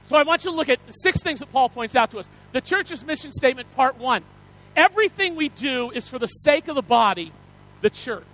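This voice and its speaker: A man's voice: very high-pitched, lively intonation, brisk, pushed and bright, poor audio. A male pastor giving a folksy, rambling sermon, self-deprecating and full of restarts and asides to the congregation.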